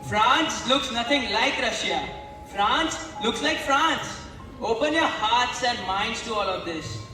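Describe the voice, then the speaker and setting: A man's voice: extremely high pitch, expressive, takes it slowly, music in the background, exaggerated voice. A male student playing a theatrical, sentimental aging nobleman in a school stage play. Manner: grand, sentimental declaiming. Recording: echoey hall from far off.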